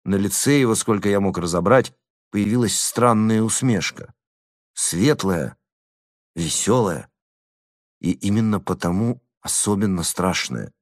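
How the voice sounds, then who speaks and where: A man narrating a classic novel with an expressive, dramatic reading. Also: fairly low pitch, a little slow, dry recording, studio quality. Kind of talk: literary audiobook narration.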